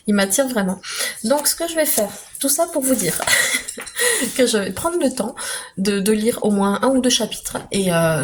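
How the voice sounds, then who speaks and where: A woman's voice: mid-range voice, a little hiss or hum. Chatty woman vlogging at home. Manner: chatty, many fillers and restarts, laughs easily. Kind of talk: casual vlog chat.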